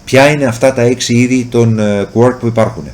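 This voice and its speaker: A man's voice: medium pitch, steady tone, darkish tone, slight background noise. A man with a Greek accent explains chemistry as a teacher would to a single student. He asks questions and answers them himself. He stretches out the important words to make them stick. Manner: stretches key words slowly for emphasis. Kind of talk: explanatory lesson, addressing the student directly.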